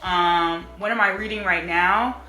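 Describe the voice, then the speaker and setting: A young woman who vlogs about books chats casually in a home room, peppering her speech with "like." Her voice is on the low side, sharp in tone, and measured in pace. The echoey room has faint music in the background.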